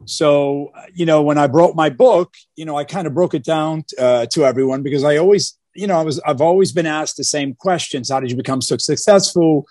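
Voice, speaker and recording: A man's voice: on the high side, fairly quick, few pauses, a little mellow, dry recording, clean studio sound. A man from Portugal talking about his life as a guest on a video call, earnest, with many fillers and repeated starts. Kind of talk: casual interview talk.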